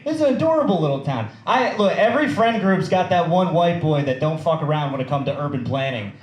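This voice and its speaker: A young man performing a stand-up comedy set, swearing and throwing quick asides to the crowd. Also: fairly high pitch, expressive. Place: comedy club stage with audience. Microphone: handheld stage mic. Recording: roomy club with crowd noise.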